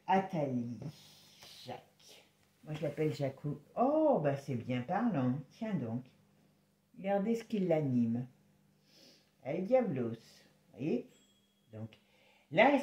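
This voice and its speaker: A woman giving a casual tarot reading, chatty and exclamatory, sometimes dropping to a soft murmur. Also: lowish voice, echoey room. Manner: chatty, exclamatory, halting with restarts; drops to a soft murmur when concentrating. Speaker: tarot reader.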